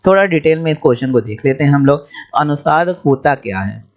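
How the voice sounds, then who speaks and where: A young man teaching exam questions, explaining each answer briskly and repeating key points. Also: fairly high pitch, lively intonation, highs cut off.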